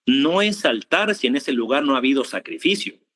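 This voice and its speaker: A man's voice: medium pitch, moderate pace. A man with an Argentine accent preaching informally to an online audience, joking and asking rhetorical questions. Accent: Argentine Spanish. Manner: animated, rhetorical questions, jokes and laughs. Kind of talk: livestream preaching with viewer greetings.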